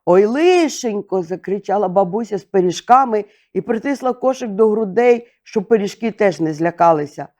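An older woman reading a fairy tale aloud as a bedtime storyteller, slow, gentle and expressive. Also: medium pitch.

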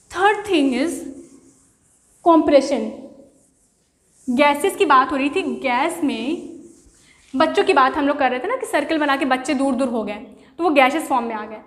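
A woman teacher giving a classroom science lesson, explaining with everyday examples and asking rhetorical questions. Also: high-pitched. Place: room. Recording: echoey room with long reverb.

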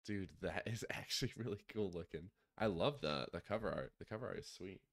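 A man chatting casually on a podcast, excitable and slangy, quick to gasp and laugh. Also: low voice. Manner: slangy, laid-back. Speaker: podcast co-host. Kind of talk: casual chat.

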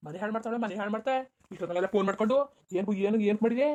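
A bossy, quick-tempered village husband, as a performer voices him in a cartoon quarrel. He berates his wife. His words tumble out at a rushing speed. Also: medium pitch, dull audio, close to an everyday voice. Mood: angry berating. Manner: shouting, berating, rapid. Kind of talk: cartoon voice acting.

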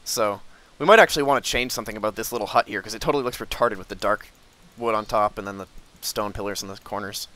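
A man's voice: on the low side, fast talker, sharp tone, slight background noise. A young man hosting a casual Minecraft video, rambling with lots of fillers and restarts as he shows off his build. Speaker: gaming video host.

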